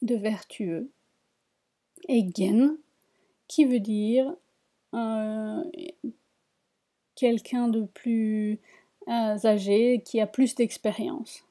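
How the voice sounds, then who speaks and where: A woman giving a patient reading lesson at an unhurried pace. Her voice sits slightly high but sounds mellow and soft-edged. She spells out each syllable and repeats the words for her students. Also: steady tone. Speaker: Tibetan reading teacher. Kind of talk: slow spoken language lesson.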